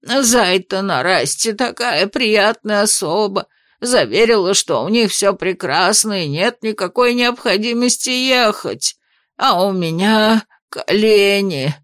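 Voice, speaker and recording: A woman's voice: mid-range voice, lively intonation, a bit bright, no room sound, clean studio sound. A woman voicing a fat, frightened old male official who pleads and wails. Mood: whining scared. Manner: slow, wailing, pleading.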